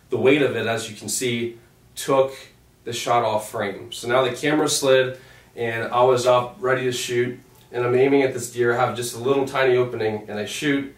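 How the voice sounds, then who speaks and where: A man's voice: mid-range voice, slight background noise. A man casually narrating his own hunting footage, telling it as a personal story. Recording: roomy, distant microphone.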